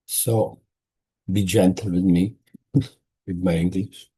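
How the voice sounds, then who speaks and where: Croatian-accented male author, non-native, reads own book slowly, low husky voice. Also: steady tone, mellow. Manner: slow careful non-native reading with restarts. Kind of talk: reading his own novel aloud.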